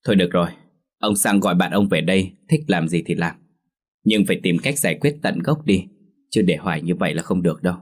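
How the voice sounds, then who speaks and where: A man's voice: low voice, fast talker, slightly rough. A man voicing a stern old grandmother who scolds her husband, in a firm tone.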